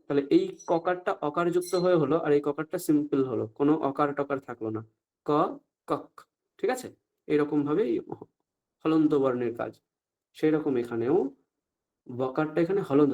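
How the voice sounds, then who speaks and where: A man teaching Sanskrit pronunciation in an online class, often stopping to ask if everyone follows and saying the examples out slowly. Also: fairly high pitch, expressive, darkish tone, highs cut off. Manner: asks the class frequent check-up questions, slow deliberate recitation of examples.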